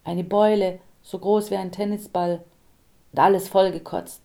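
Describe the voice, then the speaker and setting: A woman reading an audiobook, voicing a blunt, teasing young neighbor woman who talks loud and bold. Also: mid-range voice, flat delivery, normal speed, gravelly, lightly acted.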